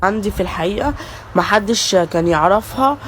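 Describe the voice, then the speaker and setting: A man's voice: high-pitched, expressive, fairly quick, fairly bright tone, faint music behind. A man with an Egyptian accent introducing himself as an impressionist in a TikTok clip, self-assured. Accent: Egyptian Arabic.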